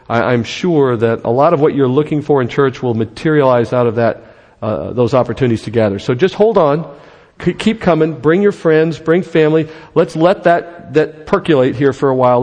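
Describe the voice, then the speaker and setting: A man's voice: medium pitch, a little mellow, in a large hall. A man preaching and praying as a pastor, earnest and conversational. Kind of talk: sermon.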